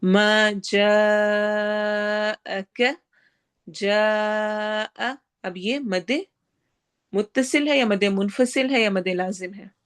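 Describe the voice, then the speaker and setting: A woman teaching Quran recitation, explaining pronunciation rules in a brisk, instructive way. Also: medium pitch. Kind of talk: tajweed lesson.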